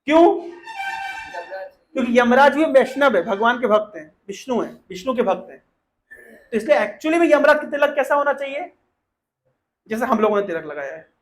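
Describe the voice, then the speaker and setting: A man giving a devotional talk who explains scripture, asks the audience questions, chants slowly and reads translations. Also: very high-pitched, very animated. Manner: explanatory, asks the audience questions and leads call-and-response recitation. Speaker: preacher.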